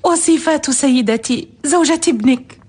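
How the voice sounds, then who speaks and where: A woman's voice: sits high, normal speed, a little mellow, natural voice. An actress playing a deferential servant woman in a noble household in a historical radio drama, speaking formally. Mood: plaintive.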